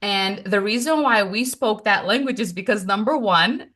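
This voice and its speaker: A podcast co-host from Morocco, with Moroccan Arabic as her first language, shares a family story in casual storytelling chat. She speaks at a normal speed and medium pitch, animated and emphatic, breaking into laughter often.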